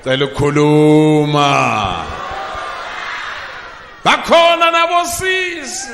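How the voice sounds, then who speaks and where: A man preaching a sermon into a pulpit microphone, who bursts into shouted emphasis and then drops low. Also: expressive, slow pace, a faint crowd, a little hiss or hum. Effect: preaching through a pulpit microphone. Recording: long reverb of a large hall.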